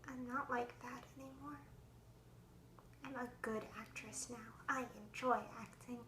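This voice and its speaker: Actress playing a haunted, fragile young actress. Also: female voice, fairly high pitch, steady tone, measured pace, noisy background, lightly acted. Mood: searching. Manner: swings between hushed whispers and sudden raised outbursts. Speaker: actress performing a monologue. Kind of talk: stage monologue performance. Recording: echoey room.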